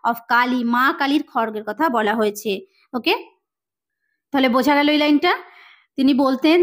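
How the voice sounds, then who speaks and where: A woman teacher with a Bengali accent, explaining a text line by line. She reads each English line slowly, then explains it quickly. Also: sits high.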